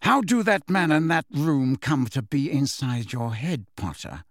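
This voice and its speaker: A man voicing a cold, sneering middle-aged male potions master who talks in a slow, low, menacing drawl. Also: lively intonation, no room sound, clean studio sound. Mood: cold probing.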